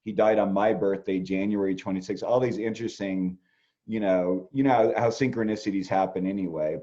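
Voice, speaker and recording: A man's voice: fairly low pitch, dark tone, highs cut off. A middle-aged man, an astrologer, talking casually and rambling with many fillers. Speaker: astrologer co-host. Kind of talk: casual conversation.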